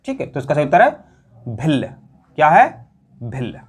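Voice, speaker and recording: A man's voice: a little high, sing-song, quick pace, a little hiss or hum. A man teaching an exam-prep lesson, asking questions aloud and repeating the answers in a colloquial way. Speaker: quiz teacher.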